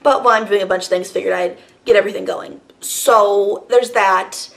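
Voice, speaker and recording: Woman, out of breath, gravelly fry, frank rambling vlog monologue. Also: medium pitch, fairly even intonation, normal speed, a bit bright. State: out of breath after a workout. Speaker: host.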